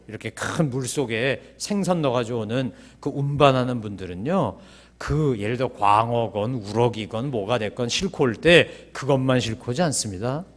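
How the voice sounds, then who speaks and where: A man preaching a sermon as pastor, asking rhetorical questions and breaking into sudden loud, high bursts.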